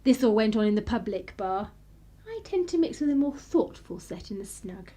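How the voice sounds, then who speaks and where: A young woman with an upper-class English accent plays a spirited, sardonic 1930s vicar's daughter in a radio play, delivering both narration and dialogue in arch, clipped period phrasing. Her mid-range voice is sing-song and dark in tone at a normal speed, and the mood is breezy and teasing.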